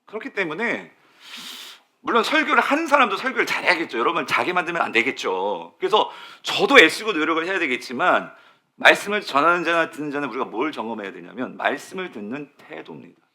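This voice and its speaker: A man's voice: fairly high pitch, very animated, quick pace, pushed and bright. A male pastor preaching a sermon to his church in a sanctuary, asking the congregation questions, answering them himself and repeating key words for emphasis.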